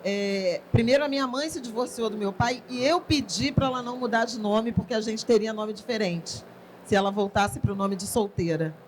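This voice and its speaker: A woman's voice: fairly high pitch, normal speed, a little hiss or hum. A woman with a Brazilian Portuguese accent interviewing a writer on stage in a conversational manner, sharing her own stories between questions.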